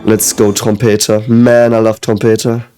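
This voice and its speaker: A man's voice: fairly low pitch, little pitch movement, normal speed, over music. A man talking casually as he reacts to an anime, rambling with lots of hesitations and occasional swearing. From Germany. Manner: rambling, hesitant, with many fillers and frequent swearing.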